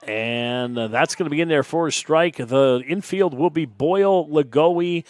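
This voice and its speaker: A man doing live play-by-play on a high school softball broadcast, briskly reading lineups and calling pitches. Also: no room sound. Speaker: play-by-play announcer.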